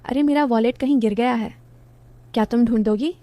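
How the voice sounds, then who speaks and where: A woman's voice: a little high, brisk, dark tone, no room sound, close to an everyday voice. A woman voicing a polite young husband visiting his wife's family. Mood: mild.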